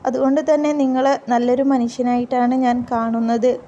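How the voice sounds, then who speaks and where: A woman voicing a humble, grateful young woman student who speaks earnestly and pleads softly. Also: sits high, level tone, normal speed, dull audio, slight background noise, lightly acted.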